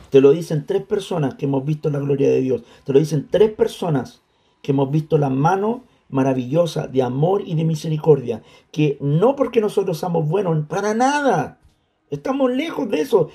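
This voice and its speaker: Dark gravelly man preaching on radio. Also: fairly high pitch. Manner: preachy, emphatic, addresses listeners. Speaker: radio host.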